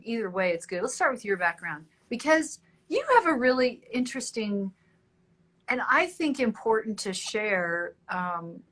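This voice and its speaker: A woman's voice: a little high, a bit bright. A woman hosting a casual livestream interview, chatting with her viewers and thinking aloud between questions.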